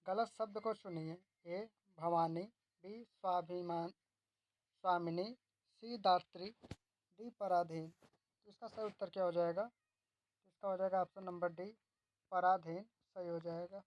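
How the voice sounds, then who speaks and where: A woman's voice: fairly low pitch, steady tone, unhurried, long pauses, darkish tone, no echo, rough recording. A woman tutor reads exam questions and their options aloud, then gives the answer and explains why. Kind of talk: reading quiz questions and answers.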